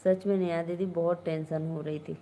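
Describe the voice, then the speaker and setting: A woman's voice: on the low side, flat delivery, moderate pace, dark tone, slight background noise. A young woman with an Awadhi-tinged Hindi accent hosting a casual live stream, chatting with viewers and answering their comments.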